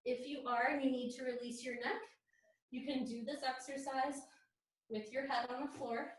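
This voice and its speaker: A woman leading a yoga class with soothing, encouraging, unhurried cues, recorded in an echoey room. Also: sits high, fairly even intonation. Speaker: fitness and yoga instructor. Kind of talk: guided workout class, spoken cues. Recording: very echoey room, distant microphone.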